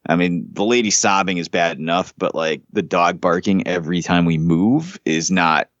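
A man telling a long, profanity-laced story in casual chat, animated and fed up. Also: sits low, normal speed, no echo, lo-fi sound.

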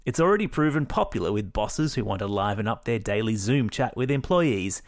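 A man's voice: on the low side, lively intonation, fairly quick, no room sound. An Australian man hosting a kids' news podcast, reading scripted stories in an upbeat, playful way with jokey asides.

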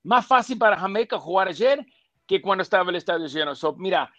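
Man, football pundit, fillers, emphatic, slightly high voice, dry studio sound. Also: animated, fairly quick, a bit bright, dry recording, muffled recording. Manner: emphatic, repeats points, mixes English fillers like "so" and "yeah". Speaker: football pundit, former player. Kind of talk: studio sports panel discussion.

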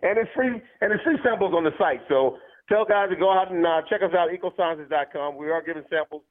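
A man's voice: fairly high pitch, a little fast. A man in his fifties calling in as a radio guest, talking eagerly with lots of "uh" fillers. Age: 50s. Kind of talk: phone-in interview. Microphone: phone. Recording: tinny phone line.

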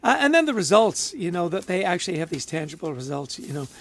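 A man co-hosting a podcast in casual chat, enthusiastic and quick to laugh. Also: high voice, big pitch swings. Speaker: podcast co-host.

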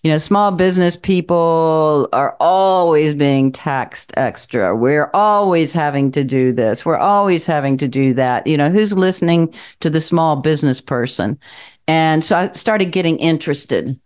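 A woman in her sixties from Kentucky's Appalachian Mountains, a city council member appearing as a podcast guest, tells stories in casual chat and laughs often. Her voice is low, smooth and darkish, and she speaks a little slowly.

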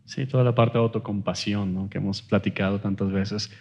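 A man's voice: lowish voice, steady tone, fairly quick, a little mellow, a little hiss or hum. A man hosting a podcast conversation, guiding it toward the close in a friendly way. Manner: friendly, steers the talk toward closing. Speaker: podcast host.

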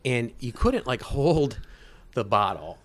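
A man's voice: medium pitch, sing-song, takes it slowly, fairly bright tone. Man in his fifties explaining at length. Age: 50s. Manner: rambling explanations with many restarts. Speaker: guest, state agency head. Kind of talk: casual interview chat.

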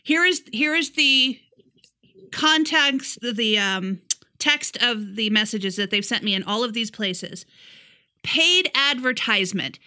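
A woman's voice: on the high side, unhurried, pushed and bright. A woman co-hosting a casual comedy podcast, reading with wry skepticism. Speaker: podcast co-host.

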